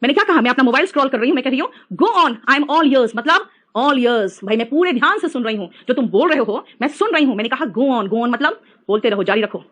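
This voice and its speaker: A woman's voice: on the high side, expressive, fast, fairly bright tone. A middle-aged woman teaching an English class online, teasing her students and mixing English phrases into her talk.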